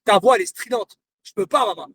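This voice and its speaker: High-voiced man ranting confrontationally on a live stream. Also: fast talker, distant mic, noisy background. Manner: confrontational, repeats himself, taunting. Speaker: livestreamer. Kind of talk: heated live-stream rant.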